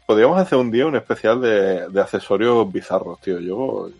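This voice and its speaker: A man hosting a casual chat in an excitable, slangy, repetitive way. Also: on the low side, a little fast, slightly rough, muffled recording, soft background music. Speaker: podcast host.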